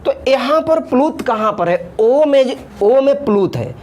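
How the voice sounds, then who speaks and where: Female Sanskrit grammar teacher, high and animated, explains patiently with lots of repetition. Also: a little slow. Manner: patient, repeats terms in Sanskrit then Hindi, draws out vowel sounds. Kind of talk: classroom lesson explaining at a board.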